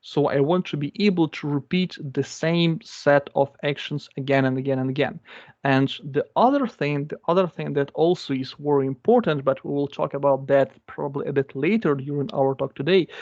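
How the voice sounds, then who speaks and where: A guest speaker with a slightly high, somewhat mellow male voice runs a live coding demo of a database in English, his second language. He explains loosely, repeating phrases and using many fillers. His computer microphone gives a dull, dry, lo-fi sound with no room acoustics.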